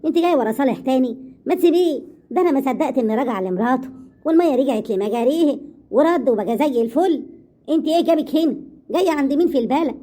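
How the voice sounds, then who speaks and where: A woman with an Egyptian accent voicing a sharp-tongued older mother-in-law who scolds and mocks. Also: sits high, expressive. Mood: scolding. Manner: scolding, mocking, rapid.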